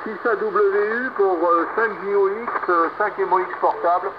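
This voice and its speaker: A man's high voice comes through muffled shortwave single-sideband radio with clear static. Speaking at normal speed, the amateur radio operator chats casually with others on the frequency and hands over to them.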